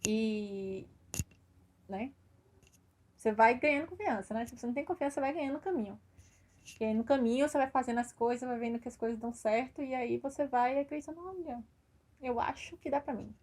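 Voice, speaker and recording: A woman's voice: fairly high pitch, brisk, a little mellow. A woman giving a casual, hesitant personal testimonial about organizing coding events, with an encouraging tone. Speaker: computer science student or graduate.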